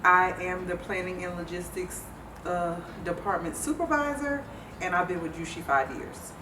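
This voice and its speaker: A woman's voice: lowish voice, normal speed, noisy background. A woman from South Carolina, a logistics supervisor, telling her work path plainly in an employee interview. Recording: roomy, distant mic, music behind.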